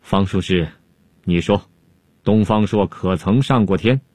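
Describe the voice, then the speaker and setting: A man voicing a stern, imperious male Han emperor who speaks in a low, commanding way. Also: measured pace, darkish tone, no room sound, studio quality.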